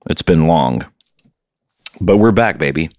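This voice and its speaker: A man with a bass voice co-hosts a podcast from his home music studio, sounding animated, unhurried and a little mellow in a dry recording. He's a touring musician, and the chat is loose, joking and profane.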